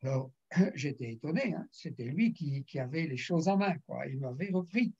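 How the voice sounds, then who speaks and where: Pasteur âgé à la voix rauque. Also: male voice, a little high, animated, normal speed, a little mellow, lo-fi sound. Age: older. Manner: storytelling, acts out dialogue, frequent throat clearing. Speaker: pastor. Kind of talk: sermon testimony.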